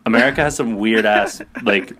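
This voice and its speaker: A man co-hosting a podcast, chatting casually about hockey with quick, teasing banter. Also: lowish voice, sharp tone. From Canada. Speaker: podcast co-host. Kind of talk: casual sports chat.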